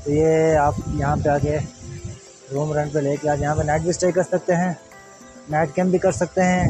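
A young man from Pakistan chatting casually to viewers as a travel vlogger, filming outdoors by a mountain waterfall on a phone held at arm's length. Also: a little high. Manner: chatty, touristy, addressing viewers directly. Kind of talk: casual travel vlog narration.

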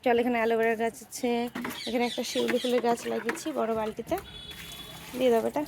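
A woman's voice: a little high, flat delivery, fast talker, gravelly, background noise. A woman vlogging casually on a rooftop outdoors, chatting with viewers and giving her child instructions. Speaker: vlogger and mother. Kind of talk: casual daily-life vlog.

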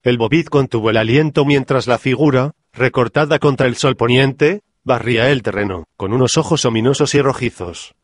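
A man reading a comic parody audiobook in an even, measured scripted narration. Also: mid-range voice, no room sound.

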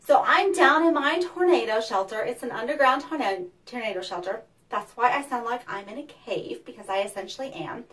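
A woman's voice: a little high, brisk, hardly any pauses, fairly bright tone. A woman giving a chatty, practical how-to talk from a small underground tornado shelter, her voice carrying a hollow cave-like echo. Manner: practical, instructive, chatty with fillers. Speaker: safety presenter for a weather company. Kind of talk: casual how-to demonstration. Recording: distant mic, cave echo, faint noise.

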